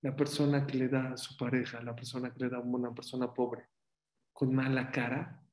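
A man teaching as a rabbi, telling stories in an animated sermon whose voice climbs sharply at dramatic moments. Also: medium pitch, normal speed, reverberant. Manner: animated storyteller, voice rising sharply at dramatic points. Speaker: rabbi teaching a Torah class. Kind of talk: storytelling sermon.

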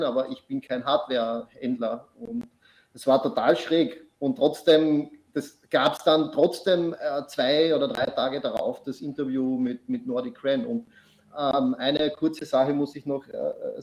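A man's voice: medium pitch, a little mellow, echoey room. A man from Austria, a podcast guest telling a long story in casual chat, full of fillers and restarts.

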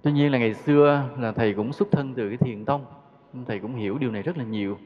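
A man's voice: mid-range voice, fast. A man giving a conversational Buddhist dharma talk, asking rhetorical questions and chuckling now and then. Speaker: Buddhist teacher. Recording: dull lo-fi recording with long hall reverb.

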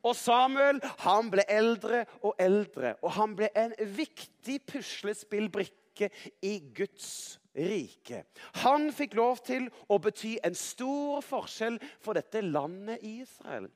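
High, lively man telling a children's Bible story. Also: long reverb tail. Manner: lively, dramatic, playful, addressing a young listener directly.

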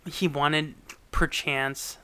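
A woman's voice: sits low, steady tone, drawn-out words, bright, forceful tone, clean tone. A woman co-hosting a podcast in casual chat, giggling as she recaps a TV episode and drops into joking quoted voices. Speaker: podcast co-host.

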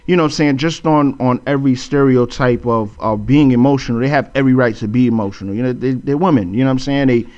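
A man's voice: mid-range voice, fast, hardly any pauses, a little mellow. A man co-hosting a podcast in casual debate, insistent and given to saying "you know what I'm saying". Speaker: podcast co-host. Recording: dull lo-fi podcast audio.

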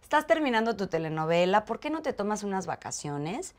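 A woman with a Mexican accent, a guest in an interview, telling a story with lively acted-out dialogue. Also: mid-range voice, a little fast. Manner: animated, acts out quoted dialogue.

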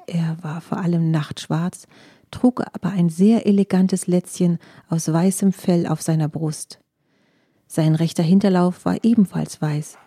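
Woman reading a kids story, super warm and breathy, dry close sound. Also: lowish voice, dry recording. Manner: expressive storytelling. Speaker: narrator. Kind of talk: children's audiobook narration.

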